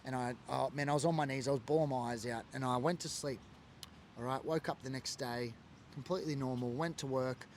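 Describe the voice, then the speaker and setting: A man's voice: medium pitch, steady tone, fairly quick, slight background noise. An Australian man from Sydney, telling a personal story in an earnest, emotional way with lots of fillers. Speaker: former biker sharing his story. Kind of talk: personal testimony monologue.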